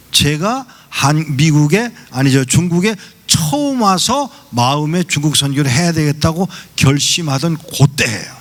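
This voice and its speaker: A male pastor preaching a sermon, telling a story and acting out the dialogue in quoted voices. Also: fairly high pitch. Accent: Seoul Korean. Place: church sanctuary.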